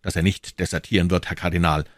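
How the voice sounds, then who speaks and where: A man's voice: deep voice, flat delivery, fast, no echo, studio quality, natural voice. A man voicing a proud, defiant musketeer captain who speaks in a firm, unyielding way.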